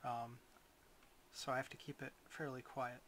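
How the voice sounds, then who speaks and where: A man giving a casual, unscripted product review as a reviewer, in a hesitant, rambling way with frequent pauses. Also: medium pitch, level tone, a bit bright, slight background noise. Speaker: reviewer of gadgets.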